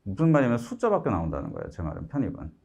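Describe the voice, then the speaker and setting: Man, middle-aged, math lecturer, animated pitch, keeps checking students follow. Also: very fast, vocal fry. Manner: lively, keeps asking "알았죠?" to check understanding; acts out students' complaints in a raised voice. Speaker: math instructor.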